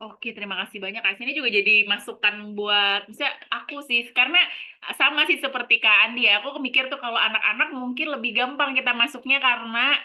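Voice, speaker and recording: A woman moderating an online talk, relaxed and filler-heavy. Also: fairly high pitch, fairly quick. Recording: dull lo-fi call audio.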